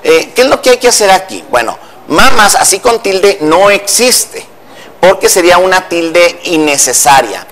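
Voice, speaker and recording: Male language commentator from Mexico, fairly high voice, methodical teacher's delivery, TV news studio. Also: animated, moderate pace. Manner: didactic, patient, explains step by step. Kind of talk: explaining spelling rules on air.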